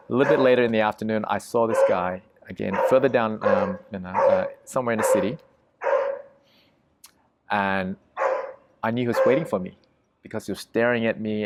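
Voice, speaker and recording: A low-pitched man with a gravelly edge tells a story as a podcast guest. He is emphatic and vivid, swearing freely as he goes. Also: heavy background noise. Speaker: interview guest.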